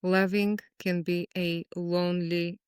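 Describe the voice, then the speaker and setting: A Bulgarian-born woman, a guest poet, talking in a reflective, measured way in an interview. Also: on the low side, little pitch movement, clean tone, no room sound, clean studio sound. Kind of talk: conversational interview.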